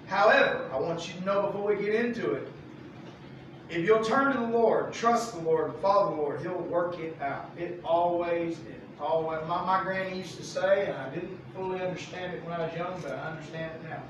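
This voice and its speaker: A pastor leads a Bible study in a folksy, animated way, slipping into voices for the people in the verses. His voice sits high for a man. The recording is boomy with heavy echo, picked up from well back in the sanctuary with a faint hiss. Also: fairly quick. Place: church sanctuary. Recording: echoey room mic from far off.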